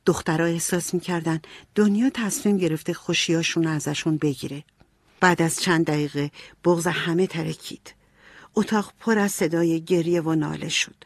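A woman's voice: low-pitched, fairly even intonation, no room sound. Woman reading a storybook, dry voice. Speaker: narrator.

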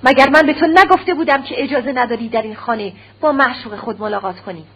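A woman's voice: high voice, a bit bright, breathy edge. A woman voicing a stern, cold-hearted older husband who speaks harshly and with contempt. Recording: dull lo-fi recording with faint hum.

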